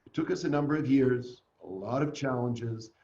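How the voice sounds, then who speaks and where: An older man from Canada, a guest in an online interview, telling a family story in an earnest, animated way. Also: mid-range voice, normal speed, echoey room, dull audio.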